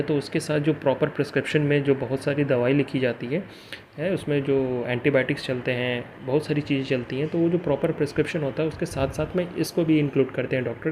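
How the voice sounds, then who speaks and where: A man reviewing a tablet on his channel, explaining it step by step, pausing often and mixing English terms into Hindi. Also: medium pitch, darkish tone, a little hiss or hum. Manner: halting, many fillers and restarts, mixes English into Hindi. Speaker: pharmacy vlogger.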